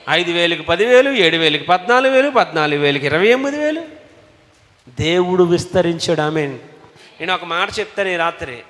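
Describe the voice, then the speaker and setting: A man preaching a sermon as pastor, exhorting his listeners with repeated amens and swinging between loud preaching and hushed passages. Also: on the high side. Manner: exhorting, with call-and-response amens. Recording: long hall reverb.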